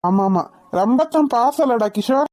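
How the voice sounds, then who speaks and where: A woman plays a grieving young cartoon man, bitter and resentful toward his family. The voice is fairly high for a man, with a mellow, dark tone. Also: lively intonation, moderate pace, close to an everyday voice. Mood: bitter, angry. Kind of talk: cartoon voice acting.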